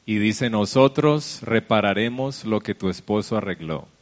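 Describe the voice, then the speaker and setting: A man's voice: fairly low pitch, normal speed, long reverb tail. A man preaching a sermon as pastor, rising when he reads scripture.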